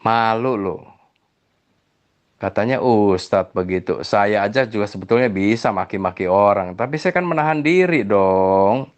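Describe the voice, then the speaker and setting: A man's voice: lowish voice, unhurried, dull audio. Chiding man explaining his faith. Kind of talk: religious debate voice notes.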